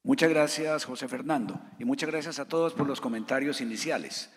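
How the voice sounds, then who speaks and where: A man moderating a formal panel, measured and structured, laying out points in order. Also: medium pitch, in a large hall. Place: conference hall.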